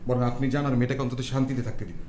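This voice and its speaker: An actor playing a poor, idealistic writer tenant who speaks in formal, earnest, pleading phrases. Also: male voice, mid-range voice, steady tone, racing, a little mellow, reverberant, slight background noise, lightly acted. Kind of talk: TV drama acting.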